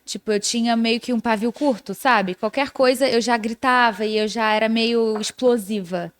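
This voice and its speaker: A woman's voice: on the high side, normal speed. A young woman with a Brazilian Portuguese accent co-hosting a podcast, talking in a reflective, agreeable casual way. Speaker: podcast co-host. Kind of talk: casual chat.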